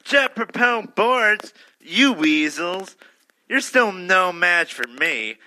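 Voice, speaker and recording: Cocky surf villain, slow theatrical menace, cartoonish, very sharp, wildly animated. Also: male voice, sits high, exaggerated voice. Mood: taunting. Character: cocky murderous surfing villain, the Red Shredder.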